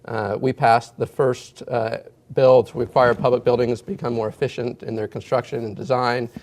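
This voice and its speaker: A man answering interview questions as a political candidate, with halting phrasing. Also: mid-range voice, flat delivery, a little mellow.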